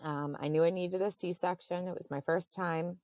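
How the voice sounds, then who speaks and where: A woman in her thirties, a podcast guest, telling a personal story in a halting, earnest way with many fillers. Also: lowish voice, steady tone, a little mellow, no room sound, clean studio sound.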